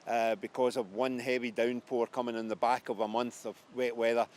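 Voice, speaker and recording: Male interviewee, official. Mid-range pitch, monotone delivery, news interview answer. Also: fairly quick.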